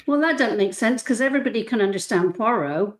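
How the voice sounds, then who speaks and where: A woman's voice: on the high side, expressive, quick pace. Woman co-host with brief agreeable replies. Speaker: podcast co-host. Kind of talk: casual chat.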